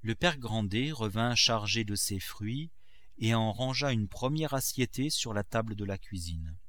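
A man reading a classic novel aloud in a measured, clear way. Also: lowish voice, expressive, fairly bright tone. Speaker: audiobook reader. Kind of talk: literary audiobook narration.

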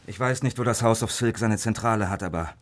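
In this radio crime drama, a man plays a suspicious, grasping Victorian opium addict who confides secrets with staged, deliberate emphasis. The voice is lowish and only lightly acted, carrying a conspiratorial air.

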